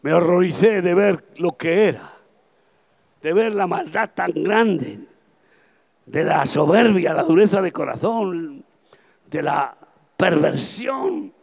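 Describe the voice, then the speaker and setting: A man in his seventies with a Spanish accent from Spain, preaching an impassioned open-air evangelistic sermon that swings between soft confiding and shouting. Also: a little high, vocal fry, slightly rough. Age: 70s. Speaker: pastor. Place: outdoors at a campaign event.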